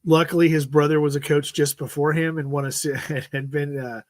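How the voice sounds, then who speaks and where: A man's voice: on the high side, flat delivery, moderate pace, dry recording. A man in his fifties hosting a livestream, chatting casually about football in a rambling way, repeating himself and trailing off. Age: 50s. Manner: rambling, repeats "freaking", trails off mid-sentence. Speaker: livestream host. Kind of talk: casual sports chat.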